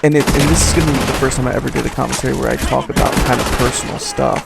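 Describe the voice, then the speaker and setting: A man in his twenties giving casual video game commentary, halting, stuttering and mumbling. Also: mid-range voice, steady tone, creaky, very noisy. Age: 20s. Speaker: gaming YouTuber doing commentary. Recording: voice over loud game gunfire.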